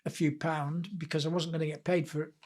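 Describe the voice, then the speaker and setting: An older man from Blackpool, a guest telling lively stories in an interview and acting out what others said. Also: fairly high pitch, fairly quick. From Blackpool, England. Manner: lively storyteller who acts out what others said. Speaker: guest author. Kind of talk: anecdotal storytelling in an interview.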